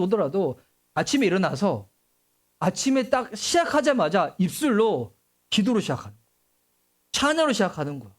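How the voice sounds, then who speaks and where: Animated high-voiced male pastor preaching. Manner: animated, acts out voices and exclamations. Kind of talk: sermon.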